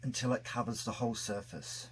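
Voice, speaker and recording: A man's voice: fairly low pitch, brisk, fairly bright tone, a little hiss or hum. A man narrating a casual hands-on craft tutorial, his voice muffled by a face mask over his mouth, explaining things step by step. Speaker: craft video host.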